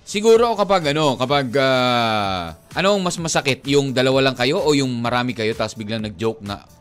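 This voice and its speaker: A man's voice: mid-range voice, expressive, moderate pace, clean tone, faint music behind. A male Filipino radio DJ bantering casually with his co-host, teasing and laughing often, mixing Tagalog and English.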